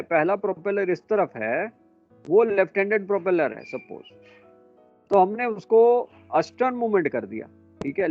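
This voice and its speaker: This instructor's voice is a little high, dry and close as he lectures a class about ships, briskly quizzing students and scolding their mistakes. The recording is dry, dull and muffled, and faint music plays in the background.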